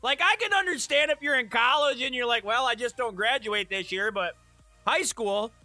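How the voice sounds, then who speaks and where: A man's voice: very high voice, normal speed, bright, forceful tone, dry recording, soft background music. A man from Michigan chatting casually with viewers on a live stream, joking and laughing at his own remarks.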